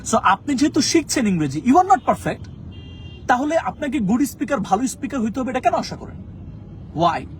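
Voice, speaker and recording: A man teaching an English lesson in an earnest, motivational way, slowing down and repeating short English phrases for emphasis. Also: extremely high pitch, very animated, a little hiss or hum. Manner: mixes slow emphatic English into fast talk.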